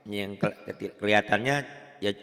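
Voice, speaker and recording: A man's voice: fairly low pitch, steady tone, normal speed, a bit bright, in a large hall. A man with a Javanese accent teaching Quran reading in an online lesson, chatting and drilling syllables. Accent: Javanese Indonesian. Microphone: online call.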